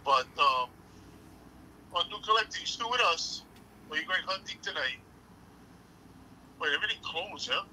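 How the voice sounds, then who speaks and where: A man's voice: a little high, animated, normal speed, pauses often, pushed and bright, a little hiss or hum, rough recording. A man hosting a casual livestream chat, telling stories and laughing often. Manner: storytelling, laughs often, says bro, Hawaiian pidgin touches. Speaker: livestream host.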